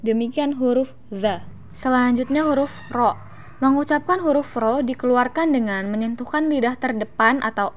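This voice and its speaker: A young Indonesian woman explaining Quran recitation letter by letter and sounding out syllables slowly and drawn out as examples. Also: a little high. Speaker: student presenting a Quran recitation lesson. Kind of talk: instructional explanation with slow demonstrations.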